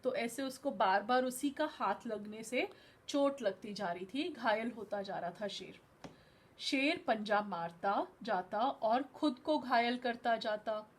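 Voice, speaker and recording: Woman, school teacher, online class, story reading, patient explanations, slow pace. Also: a little high, expressive. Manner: explains words patiently, mixing in English. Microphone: video call.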